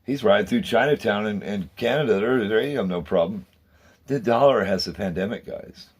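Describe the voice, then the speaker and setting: A man with a low, husky voice rants at length to his viewers in a fervent, repetitive monologue. He keeps circling back, calling out "man" and "guys" as he talks. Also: normal speed. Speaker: channel host. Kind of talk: rambling conspiracy monologue.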